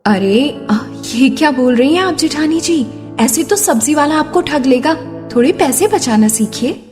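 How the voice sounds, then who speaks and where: A woman voicing a gentle, thrifty young daughter-in-law in an animated story, polite and pleading. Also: high voice, moderate pace. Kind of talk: Hindi animated moral-story acting. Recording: long reverb, background music.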